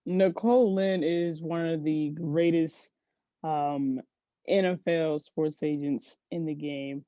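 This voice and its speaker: A woman's voice: sits low, fairly even intonation, slow, mellow, no echo, lo-fi sound. A woman guest on a podcast, chatting casually and telling stories with frequent laughs. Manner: chatty storyteller, laughs often. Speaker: podcast guest, sports agency CEO. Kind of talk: casual interview chat.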